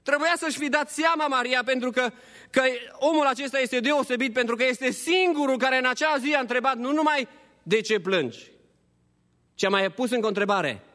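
A man preaching an Easter sermon as a pastor, passionate, shifting between hushed appeals and high pleading. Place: church hall. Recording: long church hall reverb.

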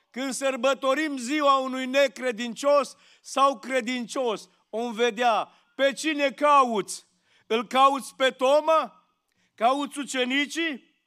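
A man preaching a sermon in a church, slow and emphatic, asking rhetorical questions. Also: extremely high pitch, sharp tone, smooth.

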